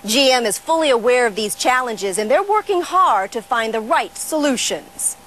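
A woman TV reporter reading a scripted news feature voice-over in a polished, even delivery. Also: fairly high pitch, normal speed, a little hiss or hum. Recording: voice-over with music bed.

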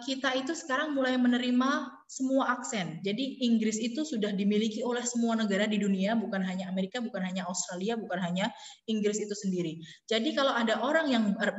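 A woman lecturer giving a classroom lecture, mixing in English phrases and pausing on fillers as she explains. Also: medium pitch, dull audio. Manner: explains in Indonesian mixed with English, many fillers. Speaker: university lecturer. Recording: echoey classroom with long reverb.

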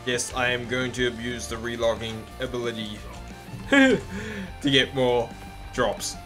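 A man giving excitable gameplay commentary as a hyped gamer bro, exclaiming in slang. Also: medium pitch, measured pace. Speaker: gaming video host. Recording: music behind the voice. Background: music.

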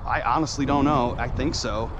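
A man in a casual, excited chat with his spouse while landing a fish on a lakeshore. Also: mid-range voice, moderate pace, background noise. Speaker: angler filming a catch with his spouse. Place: outdoors on a lakeshore.

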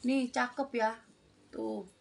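A woman's voice: fairly high pitch, fairly even intonation, slow pace, gravelly, a little hiss or hum. A middle-aged woman doing casual, repetitive live-selling patter, calling out items and prices. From Indonesia. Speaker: online seller of secondhand bags. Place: small room indoors.

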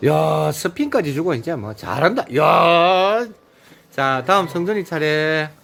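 A man's voice: a little high, big pitch swings, takes it slowly, gravelly, a bit bright. A man instructing and cheering people on during a video game, with short repeated calls and a lot of laughter. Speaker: activity instructor.

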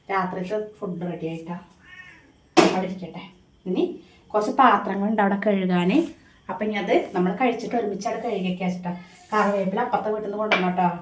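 A middle-aged woman talks casually as she cooks, chatting to her viewers and now and then to her pets. Her voice comes from some distance away in an echoey home kitchen, with a faint hiss of noise behind it. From Kerala, India. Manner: chatty, talks to pets in a high coaxing voice, often tags "kētto". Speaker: village vlogger. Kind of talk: casual home vlog narration. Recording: roomy echo, distant from mic, faint noise.

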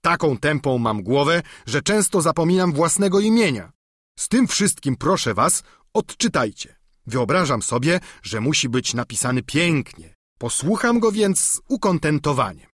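Guy reading does a chatty peasant squire, folksy and eager, voice pushed up high, dry sound. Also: sing-song, moderate pace, a bit bright, breathy edge, no room sound, heavily acted. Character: simple talkative peasant squire, middle-aged man. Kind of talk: audiobook character reading.

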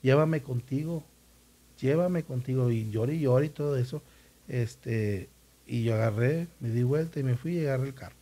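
A man's voice: medium pitch, fairly quick, dark tone, breathy edge. A man recounting a past event in casual conversation, acting out the voices of the people he quotes. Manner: vivid retelling, acts out quoted voices. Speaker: former newspaper reporter, podcast guest. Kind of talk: casual storytelling chat.

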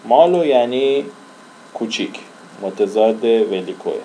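A man's voice: mid-range voice, lively intonation, dark tone, a little hiss or hum, low-quality recording. A man teaching a language lesson in casual Persian-language style, repeating and drawling example words as he writes.

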